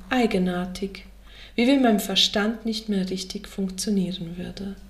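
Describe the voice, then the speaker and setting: A woman reading her own book aloud in the first person on a podcast, soft and intimate, often dropping to a half whisper. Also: fairly low pitch.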